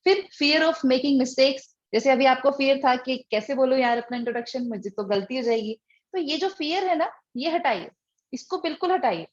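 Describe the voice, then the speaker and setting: A high-pitched woman teaches a spoken English lesson, her first language being Hindi. She explains each point in order, poses rhetorical questions and keeps checking in with her listeners. The audio is a little dull and lo-fi. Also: brisk, a little mellow. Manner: explains step by step with many rhetorical questions and "ठीक है" check-ins.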